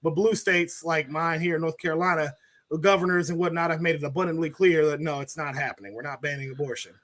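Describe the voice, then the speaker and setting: A man guesting on a casual live podcast, animated and swearing casually. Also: fairly high pitch, fast. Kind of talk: casual live-stream chat.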